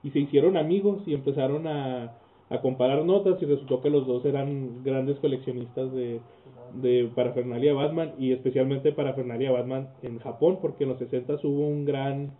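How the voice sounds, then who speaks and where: A man co-hosting a podcast, chatting and explaining in a relaxed way. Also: medium pitch, moderate pace. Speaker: podcast co-host. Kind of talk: casual chat. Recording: tinny lo-fi podcast audio.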